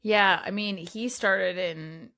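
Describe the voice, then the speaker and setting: A woman's voice: medium pitch, fairly even intonation, slow pace, pushed and bright. A woman co-hosting a film podcast, chatting casually, swearing freely and joking at her own expense. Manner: profane, self-deprecating, chatty. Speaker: podcast co-host.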